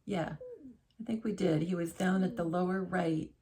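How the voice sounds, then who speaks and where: Sitting in her living room armchair, a middle-aged woman vlogs to the camera, her fairly low, warm voice holding a steady tone at a moderate pace. She chats casually and rambles, often restarting and correcting herself in a conversational way.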